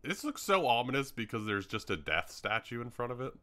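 A young Canadian man, a gaming YouTuber, rambles chattily through a game build tour, full of ums, hiccuping as his voice starts to go. His pitch is medium and his tone bright and forceful, and he talks a little fast and very animatedly.

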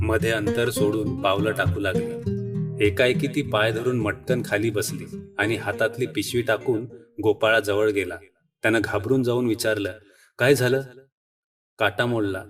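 A man narrating an audiobook story in a steady, measured storytelling manner. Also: lowish voice. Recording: distant mic with faint guitar.

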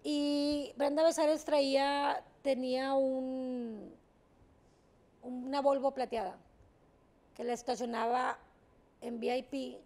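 A woman's voice: high-pitched, flat delivery, takes it slowly, creaky, long pauses, dark tone. A woman telling stories as a talk show guest, blunt and emphatic, swearing casually as she talks. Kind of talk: candid interview storytelling.

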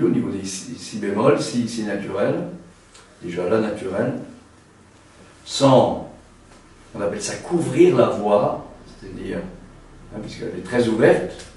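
A man who sings tenor gives a seminar lecture, talking haltingly with many restarts and a frequent tag word. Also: fairly low pitch, darkish tone. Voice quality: trained singer's voice, a tenor. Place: seminar room. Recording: very echoey room, mic far off.

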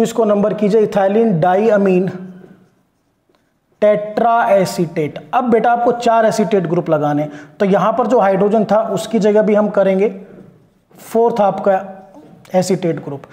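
In a roomy-sounding classroom lecture, a chemistry teacher with an Indian accent moves between Hindi and English and keeps checking that his students understand. His voice is high and warm, and he speaks at a measured pace.

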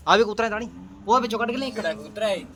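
Punjabi male companion, notably high-pitched, casual everyday chat. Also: lively intonation, racing, crowd noise. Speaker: companion of the vlogger.

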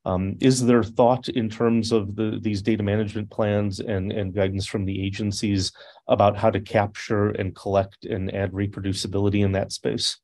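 Man in his thirties, low voice, thoughtful panel moderator, video call from an office. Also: little pitch movement, normal speed, darkish tone. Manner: thoughtful, searching phrasing. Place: office with large windows.

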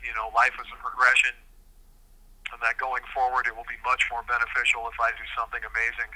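A man speaking earnestly over a prison payphone call, measured and deliberate, with frequent hesitations. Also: mid-range voice, pushed and bright, rough recording. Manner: measured, deliberate, many fillers. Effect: prison payphone call line. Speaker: incarcerated man interviewed by phone. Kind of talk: earnest interview answers.

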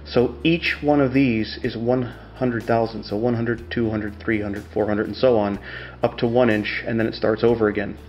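A man's voice: fairly low pitch, steady tone, moderate pace, soft background music. Plain-spoken machinist guy, slightly muffled audio. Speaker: tutorial host demonstrating measuring tools. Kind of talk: casual hands-on instructional explanation.

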